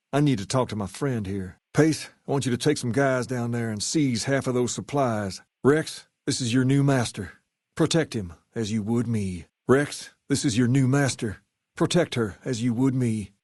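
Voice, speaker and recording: An actor playing a swaggering, folksy gang boss in a video game, with a laid-back Southern US drawl. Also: male voice, medium pitch, a little mellow, no echo, clean studio sound, close to an everyday voice. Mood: cool, commanding. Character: swaggering, folksy gang boss who idolizes a rock-and-roll singer. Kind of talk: video game character dialogue.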